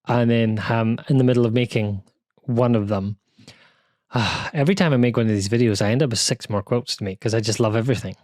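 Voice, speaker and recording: A British man hosting a quilting channel chats casually from his home sewing room, self-deprecating and full of asides and restarts. His voice is mid-range, and the clean studio sound has no echo.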